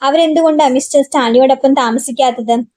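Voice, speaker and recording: A nosy middle-aged social worker from a storybook keeps asking probing questions, as a woman reads her. The voice is high, with a close, dry sound. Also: fast talker, a little mellow, no room sound, lightly acted.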